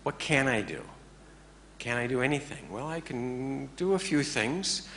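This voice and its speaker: A man teaching a class in a relaxed, joking way, often checking in with his listeners. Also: medium pitch, a little slow, a little hiss or hum. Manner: joking, conversational, keeps checking in with the audience. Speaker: meditation teacher. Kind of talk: informal talk to a class.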